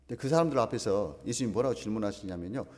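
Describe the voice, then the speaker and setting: A male pastor preaching a sermon, slow and emphatic, asking the congregation questions. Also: fairly low pitch, darkish tone. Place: church sanctuary. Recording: long reverb of a church hall.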